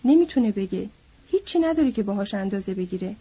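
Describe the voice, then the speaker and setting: A woman's voice: medium pitch, lively intonation, mellow, husky, highs cut off. A woman voicing a bitter, lonely older male stable hand who needles and then broods, in an audiobook. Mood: mournful.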